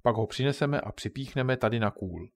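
A man's voice: medium pitch, natural voice. Katka, a man reading as a sensible girl. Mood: curious. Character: curious young girl camper, sensible.

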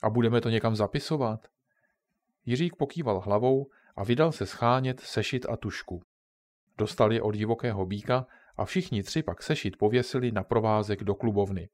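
A man narrating a children's story in a calm, steady storytelling manner. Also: lowish voice.

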